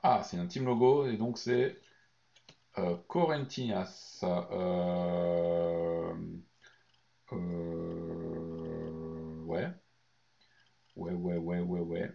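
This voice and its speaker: A hoarse man chatting excitedly through a card pack opening, hesitating often between remarks. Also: deep voice, drawn-out words, long pauses. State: hoarse, lost voice from shouting. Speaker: card collecting YouTuber. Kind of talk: unboxing commentary. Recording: dull lo-fi recording.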